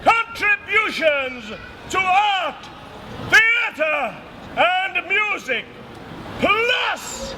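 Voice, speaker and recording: A man delivering a loud, declamatory town crier's proclamation in slow, ceremonial phrases at an outdoor competition. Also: extremely high pitch. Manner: declamatory, shouted, drawn-out phrasing. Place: outdoor public space in a town. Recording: noisy outdoor street recording.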